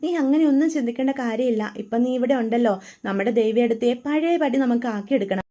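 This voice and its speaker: A woman voicing a steady elder sister figure who speaks in a calm, reassuring way. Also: on the high side, fast talker, dull audio, lightly acted.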